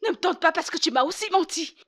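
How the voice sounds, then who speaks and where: A woman's voice: very high voice, lively intonation, fast talker, a bit bright, exaggerated voice. A woman dubbing a defiant, stubborn young wife in a film drama, talking in heated, repetitive challenges. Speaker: wife in a marriage dispute.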